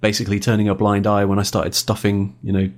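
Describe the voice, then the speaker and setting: A man's voice: fairly low pitch, monotone, quick pace. A man hosting a casual gaming podcast, chatty and self-deprecating, laughing often as he talks. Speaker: podcast host.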